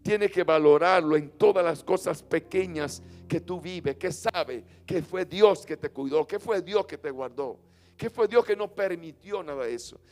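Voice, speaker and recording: A man preaching a sermon as pastor, leading call-and-response and swinging from loud chanted lines to soft low ones. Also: unhurried. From Dominican Republic. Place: church sanctuary. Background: faint instrument music.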